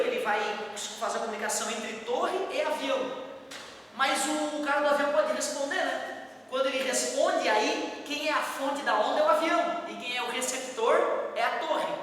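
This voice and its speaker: A man with a very high, slightly bright voice teaches a physics lesson in a classroom lecture, patiently explaining each step and tossing casual asides to his students. The recording sounds very echoey and distant, with faint background noise.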